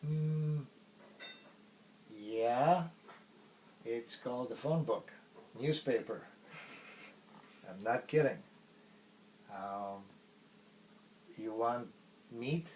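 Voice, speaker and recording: A middle-aged man from Poland with a Polish accent, a native Polish speaker, recalling his past in a casual interview in a halting way with many pauses. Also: mid-range voice, a little mellow, far from the mic, slight background noise, low-quality recording. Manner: halting, pausing often mid-phrase.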